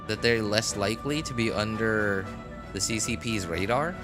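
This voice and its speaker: This gaming livestreamer has a lowish voice and talks at a normal speed. Background music plays as he chats casually, rambling, correcting himself and letting out the odd chuckle.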